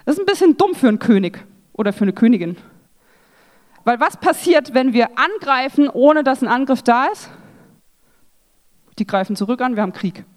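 Young woman, speaker at a church ladies' night; lively, self-mocking sermon delivery, slightly high pitch. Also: normal speed, long pauses. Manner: lively, self-mocking, acts out quoted voices. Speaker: speaker at a church women's evening. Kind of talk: sermon talk.

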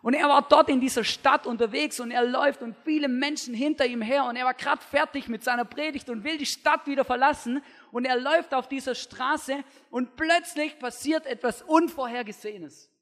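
Man, youth preacher, high voice, slangy and animated, big echoing hall. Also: normal speed. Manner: energetic, slangy, acts out the story with shouted quotes and asides. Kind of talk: youth sermon storytelling. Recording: long hall reverb.

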